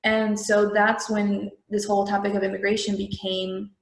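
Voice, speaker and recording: Young adult woman from Peru, interview guest, chatty with a lot of fillers, gravelly edge, mid-range pitch. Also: level tone, normal speed, roomy sound, faint music behind, low-quality recording. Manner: chatty, frequent fillers like "like" and "you know". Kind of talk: casual interview talk.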